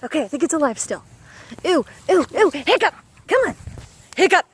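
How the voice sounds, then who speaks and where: A woman's voice: high-pitched, sing-song, moderate pace. A woman filming her dog outdoors at night on her phone, talking casually, squealing, laughing and scolding as she goes. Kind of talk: casual home video chat. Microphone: handheld phone.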